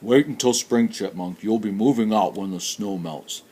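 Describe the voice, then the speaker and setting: Storybook: a fussy, grumbling male bear, low and sulky, as a man reads him. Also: normal speed, a little mellow, husky. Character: grumpy punctual male bear.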